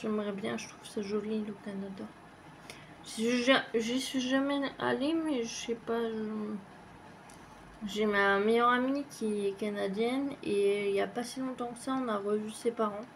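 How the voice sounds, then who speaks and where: A woman's voice: on the high side, moderate pace, a little hiss or hum. A woman vlogger chatting casually as she answers tag questions, rambling and hesitant with lots of fillers and the odd swear word. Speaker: craft vlogger.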